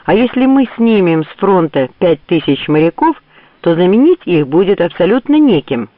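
A man's voice: high-pitched, big pitch swings, moderate pace, no room sound. A man voicing a determined general who protests sharply. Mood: insistent. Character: firm, determined male general. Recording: tinny phone-like dry audio.

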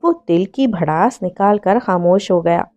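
Woman narrating a novel, mellow tone. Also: fairly low pitch, measured pace, lo-fi sound. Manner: steady storytelling. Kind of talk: novel read aloud. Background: faint music.

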